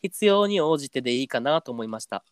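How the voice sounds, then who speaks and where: A man's voice: mid-range voice, fast talker, clear, resonant tone, dry recording. A man with a Kansai accent co-hosting a podcast, chatting easily and reading a listener's letter aloud. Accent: Kansai Japanese. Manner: easygoing, drops into a stiff flat voice when trying standard speech. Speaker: podcast co-host.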